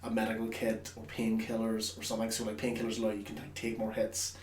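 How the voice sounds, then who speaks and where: A man co-hosting a podcast, chatting casually about games, animated and swearing freely. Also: lowish voice, fast talker, slight background noise. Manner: animated, swearing, trailing off mid-sentence. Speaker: podcast co-host. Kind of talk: casual gaming chat. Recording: roomy, echoey room.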